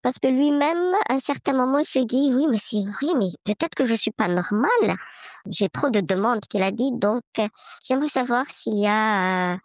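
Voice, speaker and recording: A woman in her fifties, her voice altered by a voice changer, leaving a measured, hesitant listener message. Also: animated, dry recording. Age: 50s. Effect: voice changer, pitch-shifted disguised voice.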